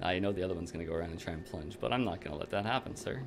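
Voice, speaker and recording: A man's voice: sits low, racing. A man giving casual, slangy and wry commentary as he plays a video game. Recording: clear background noise, game ambience.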